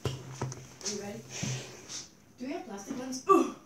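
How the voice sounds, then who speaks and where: A woman's voice: on the high side, lively intonation, unhurried. A young woman chatting casually over a game, teasing and dry. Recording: echoey room, clear background noise.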